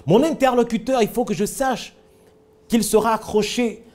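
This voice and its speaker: Male speaking coach, high voice with a mellow, warm tone, emphatic delivery with acted-out examples. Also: fairly even intonation, normal speed. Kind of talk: teaching a public speaking class.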